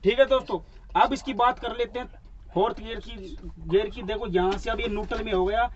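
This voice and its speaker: A man's voice: high voice, a little fast, muffled recording. A man acting as a driving instructor, giving a hands-on demonstration inside a truck cab, explaining each part step by step and repeating the terms for his viewers.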